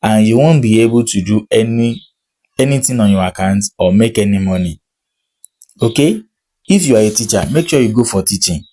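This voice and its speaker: Reading aloud from his shared screen, a money coach whose first language isn't English teaches viewers online, often pausing to ask "okay?". He speaks at a moderate pace in a fairly low, mellow, expressive voice.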